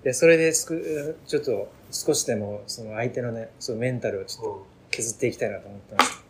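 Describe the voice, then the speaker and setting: A man in a casual podcast chat, polite and quick to laugh at himself. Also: medium pitch, a little hiss or hum.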